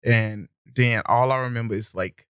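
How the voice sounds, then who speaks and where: A young man on a podcast, telling stories in an easygoing, rambling way and laughing along. His voice sits at an ordinary middle pitch, and the sound is close and dry with no room around it. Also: normal speed, fairly bright tone, smooth, no room sound. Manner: laid-back, laughs often, talks loosely with many "like"s. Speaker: podcast guest. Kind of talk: casual storytelling. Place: podcast studio.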